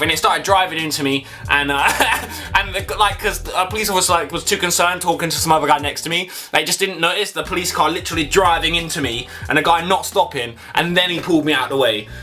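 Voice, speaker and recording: A man's voice: fairly high pitch, pushed and bright. A young man chatting casually to camera, telling a rambling, sweary story. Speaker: vlogger.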